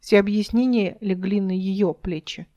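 A woman narrating her own science fiction audiobook in a measured, even reading style, voicing the dialogue only lightly. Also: mid-range voice, highs cut off.

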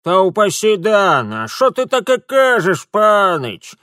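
A man voicing a shrill, bossy old village woman who scolds in rustic dialect in an audiobook. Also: big pitch swings, takes it slowly, pushed and bright, no room sound, studio quality, heavily acted. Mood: scolding. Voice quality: shrill, screeching. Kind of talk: audiobook character voice.

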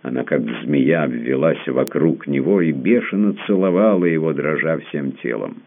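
A man narrating a literary audiobook in a dramatic, expressive reading. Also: very deep voice, normal speed, vocal fry. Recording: narrow phone-like band.

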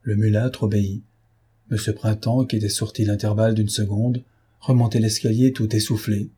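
A man narrating a novel as an audiobook in a measured, expressive manner. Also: fairly low pitch, breathy edge. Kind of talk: scripted narration.

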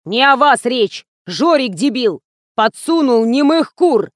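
A hot-tempered male director barking orders on a film set, as a woman reader puts him on. His voice comes out high, and the dry recording has no room sound around it. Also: animated, slow pace, no echo. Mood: furious. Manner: yelling orders.

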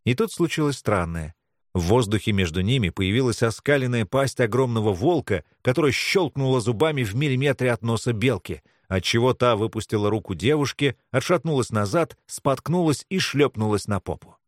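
A man's voice: mid-range voice, animated, a little fast, dry recording, clean studio sound. A man narrating a novel as an audiobook, telling the story expressively. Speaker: audiobook reader. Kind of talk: scripted narration.

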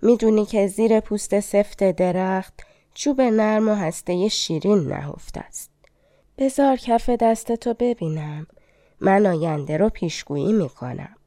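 A woman voicing an old limping fortune-teller, a fairy in disguise, in a storybook reading, speaking in a gentle, coaxing and mysterious way. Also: medium pitch, dry recording, clean studio sound, lightly acted. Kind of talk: audiobook fairy tale reading.

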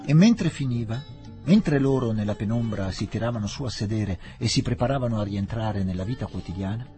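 A man's voice: fairly low pitch, faint music behind. Man reading a novel aloud. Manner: measured, expressive storytelling. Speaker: narrator. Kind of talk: literary reading for radio.

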